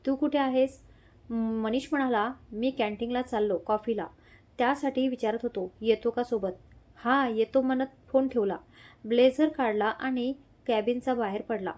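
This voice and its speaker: A woman's voice: on the high side, normal speed, darkish tone. A woman narrating a romantic family story, reading each character's lines in her own voice with little change.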